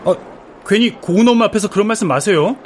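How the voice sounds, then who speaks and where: A man's voice: high-pitched, expressive, quick pace, darkish tone, a little hiss or hum. An actor playing an easygoing middle-aged son-in-law who jokes and soothes his angry mother. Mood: placating. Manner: jokey, placating, laughing. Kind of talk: TV or radio drama acting.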